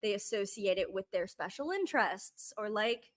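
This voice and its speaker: A woman speaking candidly as a podcast guest, rambling and earnest, with frequent restarts and sudden jumps in pitch and loudness. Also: lively intonation, moderate pace.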